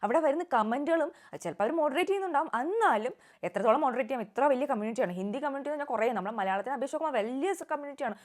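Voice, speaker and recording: A young woman giving casual, opinionated vlog commentary on a reality show, mixing in English words. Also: high voice.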